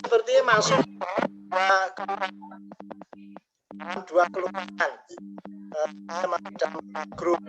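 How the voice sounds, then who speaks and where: A man's voice: sits high, steady tone, slow pace, long pauses, heavy background noise. A male doctor speaking hesitantly in an online meeting, his voice cutting in and out over a breaking-up video call. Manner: hesitant, trailing off with many fillers. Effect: choppy, breaking-up video call audio. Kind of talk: halting remarks in a meeting. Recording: dull lo-fi call audio.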